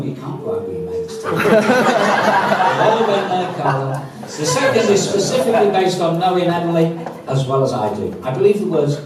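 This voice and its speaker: A middle-aged man giving a wry, jokey father-of-the-bride toast at a wedding. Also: on the high side. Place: large echoey wedding venue with guests. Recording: very echoey, noisy room, distant mic.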